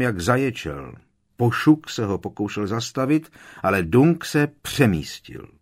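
A man reading aloud as a shaken young wizard in a storybook, his husky, deep voice strained and urgent. He presses on through his account, grim and earnest.

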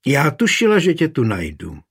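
A man's voice: fairly high pitch, huge pitch swings, breathy edge, heavily acted. A man voicing an older woman, a stern mother who talks firmly and scolds. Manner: firm, scolding.

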